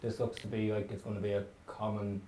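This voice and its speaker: A man's voice: fairly low pitch, level tone, fast, dark tone. A man giving explanatory motorsport analysis in a roomy recording. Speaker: race analyst. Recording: roomy, echoey, faint background noise.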